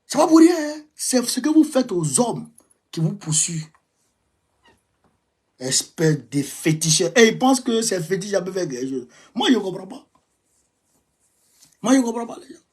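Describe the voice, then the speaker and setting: A man with an Ivorian French accent delivering an impassioned monologue, repeating himself emphatically and swinging between raised outbursts and low muttering. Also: sing-song, normal speed, pauses often, husky. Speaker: political commentator.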